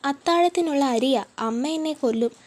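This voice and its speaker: A woman's voice: sits high, fairly quick, a little mellow, close to an everyday voice. A woman reading the part of a poor, frightened young girl who pleads through tears, in an audiobook. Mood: distressed.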